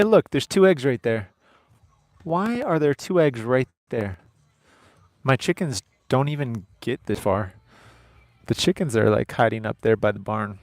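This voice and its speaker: A man's voice: medium pitch, dry recording. Rambling, joking man in his thirties. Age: 30s. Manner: rambling, joking asides to viewers. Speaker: livestream host. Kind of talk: casual live-stream chat.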